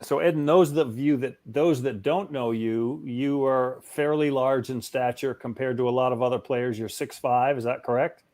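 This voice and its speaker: Guy hosting a show, calm plain questions, mid voice. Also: mid-range voice. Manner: measured, asks questions plainly. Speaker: host. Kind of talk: interview questions.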